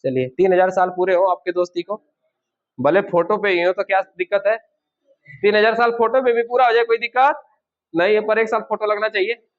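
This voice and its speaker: A man with a high-pitched voice teaches grammar to a classroom. He keeps firing questions at his students and then supplies the answers himself. The recording sounds dull and low-fidelity. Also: steady tone, brisk. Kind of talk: classroom lesson.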